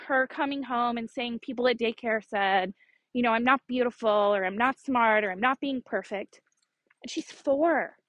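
A woman in her thirties hosts a solo podcast, chatting in an earnest, encouraging way with small laughs. Her voice is high, and the low-quality recording has no room sound.

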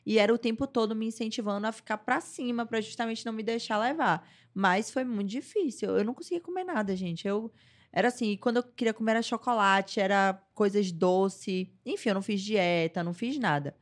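A woman's voice: medium pitch, fairly quick. A young adult woman, a podcast guest, speaking candidly in casual interview conversation and telling personal stories with feeling. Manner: candid, emotional storytelling with frequent "gente".

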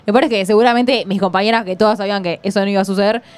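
Rapid, slangy young Rioplatense woman. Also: medium pitch. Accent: Rioplatense Spanish. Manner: expressive, slangy. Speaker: radio co-host. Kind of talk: casual chat.

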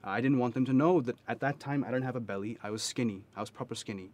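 A man's voice: mid-range voice, quick pace, darkish tone, a little hiss or hum. A man with a Pakistani accent telling personal stories candidly in conversation, emphatic and often checking in with his listener. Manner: emphatic, frequently checks with "right?". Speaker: interview guest.

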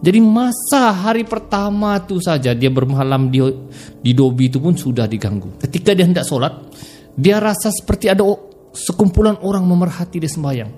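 A man telling a ghost story in a casual, conversational way, swinging between loud exclamations and hushed asides. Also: high voice, lively intonation, moderate pace, a little hiss or hum.

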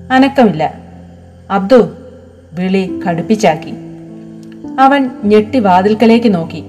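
A woman narrating a story in a calm, expressive reading voice. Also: mid-range voice. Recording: soft background music.

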